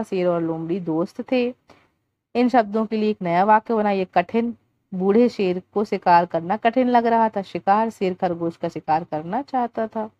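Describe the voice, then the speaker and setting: A woman's voice: medium pitch, a little mellow, no room sound. A woman teacher works through a children's workbook aloud. She reads out stories and questions, then answers them step by step. Her voice is dull and lo-fi, with a dry, close sound. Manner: deliberate, explaining, occasional restarts. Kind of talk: reading a school workbook aloud.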